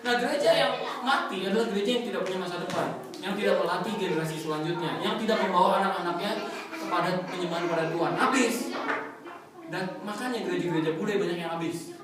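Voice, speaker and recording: A man from Indonesia preaching a sermon in a lively, joking way, drawing call-and-response from the congregation. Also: high voice, fast talker, far from the mic, a crowd in the background. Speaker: pastor. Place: church fellowship hall. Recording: echoey hall, mic from afar, congregation.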